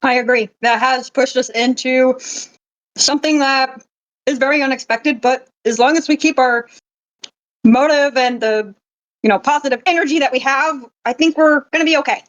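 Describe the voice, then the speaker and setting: A woman playing an earnest, gentle nature-loving young adventurer in a tabletop game, hesitant and sincere, on a slightly dull microphone. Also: high voice, moderate pace, natural voice. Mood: earnest, hopeful.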